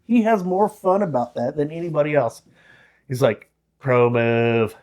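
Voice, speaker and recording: A man's voice: on the high side, lively intonation, normal speed, warm tone. Laid-back, profane man on a podcast. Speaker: podcast co-host. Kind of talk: casual chat.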